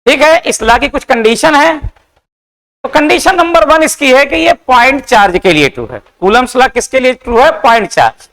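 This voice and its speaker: Male physics teacher, lecture delivery, high-pitched with a gravelly edge. He quizzes the class and repeats himself. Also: sing-song, a bit bright, poor audio. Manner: asks questions and answers them himself, repeats key points; dictates definitions slowly.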